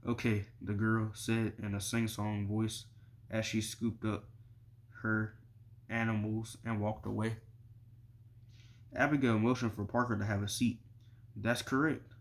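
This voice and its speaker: A man reading a novel chapter aloud in a plain, steady way, barely changing his voice between characters. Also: fairly low pitch, gravelly. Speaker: audiobook reader.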